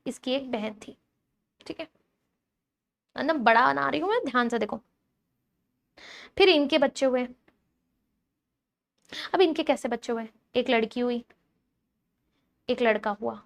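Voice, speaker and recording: A woman biology teacher giving a chatty, animated lecture, teasing and quizzing her students directly. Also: high voice, creaky.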